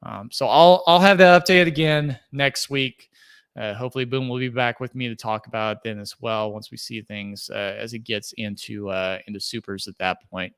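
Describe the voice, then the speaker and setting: A man's voice: mid-range voice, fairly even intonation, moderate pace, a bit bright, clear, resonant tone. A young adult man hosting a solo sports podcast, talking casually and rambling through fillers and restarts as he thinks aloud. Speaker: podcast host.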